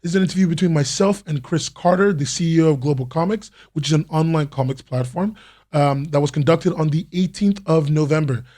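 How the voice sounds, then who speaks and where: A man's voice: fairly high pitch, brisk, warm tone. A man hosting a channel, asking loose, rambling questions with lots of fillers in a casual interview.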